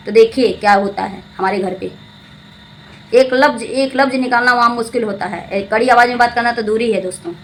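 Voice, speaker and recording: A young adult woman vlogs casual commentary about a family channel, scolding and preaching to her viewers and repeating her points. Her medium-pitched voice comes through a low-quality recording with a little hiss or hum.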